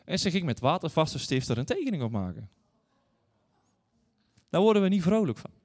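Very animated yet at a normal speed, a man in his thirties or forties preaches as a guest in a church hall. His voice is a little high and slightly mellow as he earnestly reads scripture and tells stories to the congregation, with long reverb on the recording.

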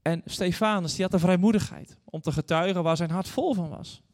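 A man's voice: high voice, brisk, darkish tone. A man in his thirties or forties preaching a sermon, reading scripture and telling stories earnestly to the congregation. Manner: earnest, storytelling, addresses congregation directly. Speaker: guest preacher. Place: church hall. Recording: long church reverb.

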